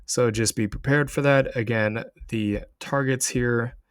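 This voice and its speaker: A man's voice: medium pitch, steady tone, measured pace, clean tone, dry recording, clean studio sound. A man giving casual, explanatory market commentary as a channel host, talking viewers through price charts. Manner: explanatory, addressing viewers directly. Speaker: crypto trading channel host.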